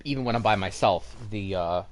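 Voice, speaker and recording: A man's voice: on the low side, a little fast. A man hosting a gameplay livestream from home, talking casually into a headset, rambling with fillers and restarts. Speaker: livestream gamer host. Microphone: gaming headset.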